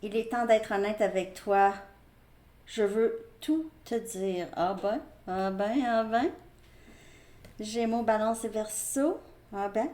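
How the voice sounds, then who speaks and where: A woman with a Québécois French accent gives a casual tarot reading, chatting with her viewers and repeating herself. Her voice is medium in pitch, dark in tone and reverberant, and she speaks slowly.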